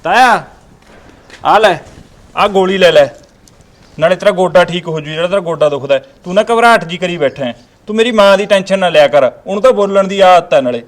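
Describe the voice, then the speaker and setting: A man's voice: high-pitched, a little fast, lightly acted. An actor playing a young nephew in a Punjabi village drama, coaxing his uncle, with a Punjabi accent. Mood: placating. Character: soothing young nephew who calms the family.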